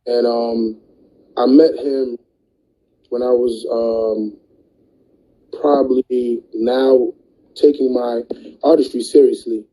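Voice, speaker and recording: A music artist and producer from New Jersey talks in a laid-back, slangy way during a casual interview, peppering it with "you know what I mean". His medium-pitched voice is steady, slow, warm and slightly rough, with frequent pauses, on a low-quality recording.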